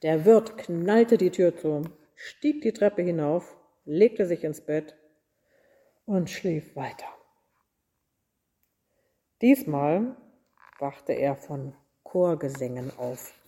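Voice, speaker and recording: A woman reading Christmas stories aloud in a measured, deliberate storytelling manner. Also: low-pitched, expressive, dark tone, slightly rough. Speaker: reader.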